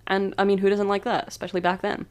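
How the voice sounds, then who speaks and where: A woman's voice: mid-range voice, flat delivery, fast, darkish tone, smooth. A woman casually retelling an old myth as a birthday podcast, rambling with giggly asides. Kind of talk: casual storytelling monologue.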